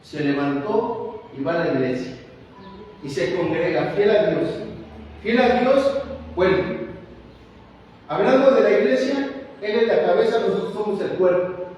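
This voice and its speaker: A man's voice: high-pitched, lively intonation, unhurried, long pauses, darkish tone, lo-fi sound, a little hiss or hum. A man preaching a sermon in a church, fervent and repetitive, often calling out to "my brother". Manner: fervent, repeats phrases, keeps calling out "my brother". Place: church hall. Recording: echoey hall from far off.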